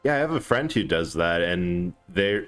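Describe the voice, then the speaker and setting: Low, animated man streaming a game, joking and laughing often, faint game music behind. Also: moderate pace. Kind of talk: casual chat while gaming.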